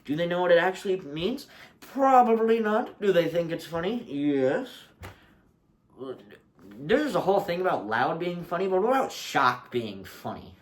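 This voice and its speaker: Animated, muffled young ranter inside a mask. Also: medium pitch, brisk, few pauses. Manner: exasperated, rhetorical questions, emphatic. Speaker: video creator. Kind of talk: casual rant commentary. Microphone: speaking from inside a mask.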